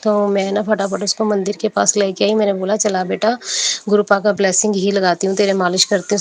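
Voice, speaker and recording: A young woman sharing an emotional devotional testimony, telling her story with a lot of repetition. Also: mid-range voice. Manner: emotional, storytelling, repeating herself often.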